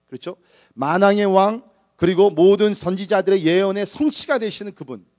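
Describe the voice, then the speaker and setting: A man preaching from the pulpit in a high, bright-edged voice. He pushes his congregation for amens, then drops into a low, hushed tone to act out a parable. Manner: animated, swings between loud exhortation and soft low-voiced storytelling. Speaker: pastor. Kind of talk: sermon.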